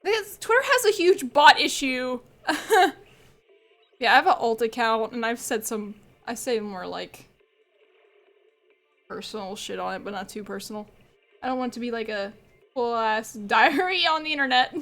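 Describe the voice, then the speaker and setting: Woman streamer, bright high voice, loose chatty delivery, soft game music in the background. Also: animated, moderate pace, long pauses. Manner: rambling, chatty, laughs often. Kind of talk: casual live-stream chat while gaming.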